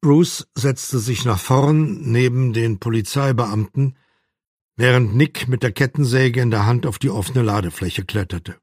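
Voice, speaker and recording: A man reading a novel aloud as an audiobook narrator, in a calm and measured manner. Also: medium pitch, no echo, studio quality. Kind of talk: scripted narration.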